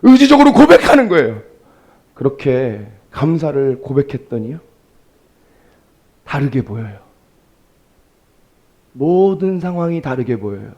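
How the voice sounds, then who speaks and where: A male pastor preaching a sermon, shifting between soft storytelling and loud, emphatic exclamations, asking the congregation rhetorical questions. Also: mid-range voice, very animated, a little slow, pauses often. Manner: addresses congregation directly, asks rhetorical questions.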